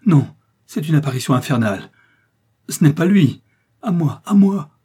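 A man's voice: a little high, very animated, normal speed, dark tone, husky, pitched above the performer's own voice, exaggerated voice. A man voicing a terrified, cornered female poisoner who shrieks and pleads in a storybook reading.

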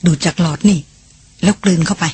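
A man reading a gentle, caring young woman tending a patient, speaking softly and soothingly. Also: fast, no room sound, lightly acted. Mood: hushed. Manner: soft, soothing, hushed.

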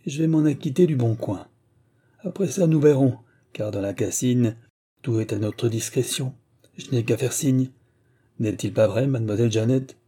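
A man voicing a boisterous, hard-drinking army sergeant who talks loud and jovial, in an audiobook reading. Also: mid-range voice, moderate pace, lightly acted. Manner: loud, swaggering, jovial barrack-room talk.

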